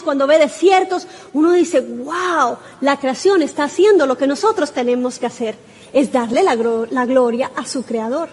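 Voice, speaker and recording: Female preacher, high voice, animated delivery with sudden excited cries. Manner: animated, bursts into high exclamations. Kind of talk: sermon.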